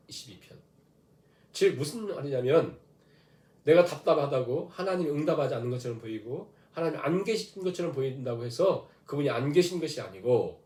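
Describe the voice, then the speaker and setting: A man's voice: on the high side, a little mellow, roomy sound. A man preaching a dawn prayer sermon, asking rhetorical questions and leading the congregation through scripture readings. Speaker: pastor. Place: church sanctuary.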